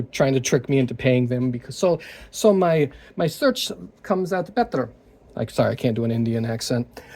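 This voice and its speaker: A man with a gravelly, creaky voice talks through a guitar repair in his workshop, chatting loosely and muttering to himself as he works. Faint plucked strings ring now and then in the background. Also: medium pitch, darkish tone. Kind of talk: casual talk-through while working.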